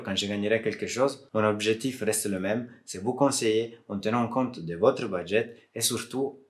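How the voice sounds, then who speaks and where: With a fairly low pitch, an Italian tech YouTuber chats to camera in French, his non-native language, carrying an Italian accent. The tone is casual, friendly and playful, broken up by hesitations.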